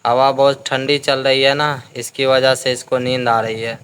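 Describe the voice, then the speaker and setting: Smooth, flat-voiced man chatting outdoors. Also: mid-range voice, normal speed. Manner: chatty, addressing viewers as guys. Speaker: vlogger. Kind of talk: casual vlog chat. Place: outdoors in the wind.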